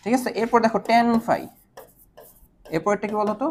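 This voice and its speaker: A woman's voice: on the high side, fairly quick, darkish tone, a little hiss or hum. A woman teaching an online math lesson, patiently asking her students whether they follow and mixing English math terms into her speech. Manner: patient, keeps checking understanding with questions.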